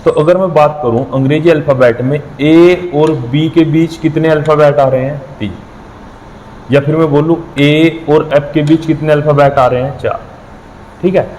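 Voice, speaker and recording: A man's voice: fairly high pitch, warm tone, big-room sound, slight background noise, poor audio. A man teaching an exam-prep reasoning lesson, working through problems step by step and counting numbers aloud with frequent checks on his students.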